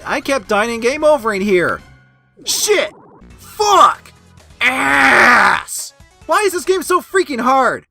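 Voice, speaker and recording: Playing a furious gamer for laughs, a man reviews a video game, ranting and cursing in frustration. His voice is high, bright and forceful, and the piece is a scripted parody narration punctuated by outbursts.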